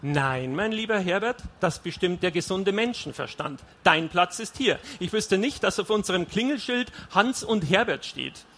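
A man's voice: high-pitched, expressive, normal speed, few pauses, a bit bright, voice pushed up, full character voice. Man putting on a sarcastic young wife. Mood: stern. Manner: sarcastic, scolding. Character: sharp-tongued young wife and mother, sarcastic.

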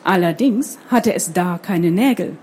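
Storybook: woman reads a mild, homely boy mole, soft and dreamy, low and unhurried. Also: slight background noise, lightly acted. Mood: content. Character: gentle dreamy male mole, homebody.

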